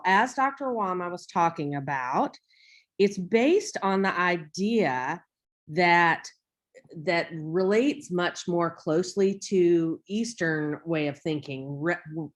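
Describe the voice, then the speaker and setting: Lecturer, American woman, lowish register, informal and rambling, full of conversational asides. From United States.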